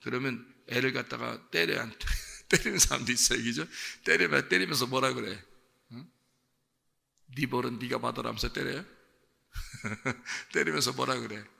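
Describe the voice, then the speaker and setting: Male pastor, gravelly voice, conversational sermon full of rhetorical questions, long reverb of a church hall. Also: medium pitch, normal speed, sharp tone. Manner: peppers talk with rhetorical questions to the congregation; acts out quoted parents' scolding lines. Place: church sanctuary.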